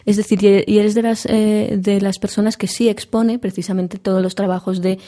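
Mellow, flat-voiced woman interviewer. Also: medium pitch, normal speed. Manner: thoughtful, winding questions. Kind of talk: casual interview.

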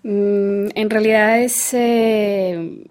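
A woman answering an interview as a guest, measured, with soft fillers. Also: medium pitch, fairly even intonation. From Colombia. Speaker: guest artist.

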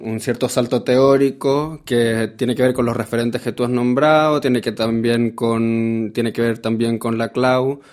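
A man answering an interview as a guest, deliberate and searching for his words. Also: mid-range voice, darkish tone. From Chile. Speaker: guest artist.

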